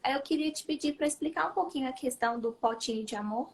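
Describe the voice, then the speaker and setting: Brazilian woman asking the questions, kinda high voice, easygoing, lots of "right?". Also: fast talker. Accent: Brazilian Portuguese. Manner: relaxed, frequent tag questions. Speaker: interviewer. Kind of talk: conversational interview.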